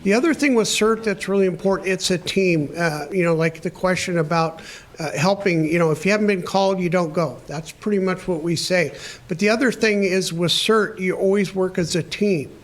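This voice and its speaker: On a panel, a man with a high, brisk voice answers audience questions as an emergency preparedness trainer, explaining at length and restarting many times.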